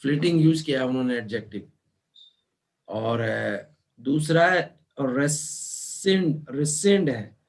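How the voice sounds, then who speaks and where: A man teaching an online class, explaining slowly and spelling words out letter by letter, mixing in English terms. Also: medium pitch, animated. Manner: mixes Hindi with English terms. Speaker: law teacher.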